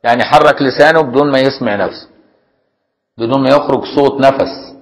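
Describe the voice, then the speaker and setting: An Egyptian man teaches Islamic jurisprudence in a mid-pitched voice, speaking fast on a low-quality recording. He reads from a classical legal text, then glosses it in plain colloquial Egyptian Arabic, often stopping to ask whether his listeners have followed.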